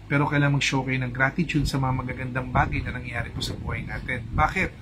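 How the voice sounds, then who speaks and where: Man, Filipino accent, chatty feng shui coach, slightly high voice, faint room noise. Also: fairly bright tone, rough recording. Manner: chatty, mixes in English, asks "di ba?" often. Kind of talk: casual live talk to an audience.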